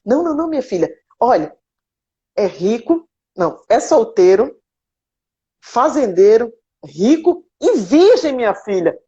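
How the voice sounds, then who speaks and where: An excitable priest pushes a match, repeating himself in a squeaky, insistent voice, as a woman puts him on. The voice is mellow under the raised pitch. The recording sounds dull and lo-fi. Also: husky, full character voice. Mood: eager, insistent. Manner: insistent, repeating words rapidly. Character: pushy, excitable male priest playing matchmaker.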